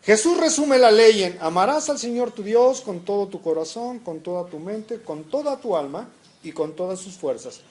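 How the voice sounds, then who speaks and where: Man, preacher, sermon, high voice, lively rising-and-falling delivery. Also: normal speed. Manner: asks the congregation questions, reads scripture aloud.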